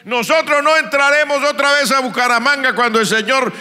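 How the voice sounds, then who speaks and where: A Colombian man preaching a Pentecostal sermon as pastor, storytelling and swinging between hushed and loud delivery. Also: extremely high pitch, steady tone, a little fast, long reverb tail. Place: church.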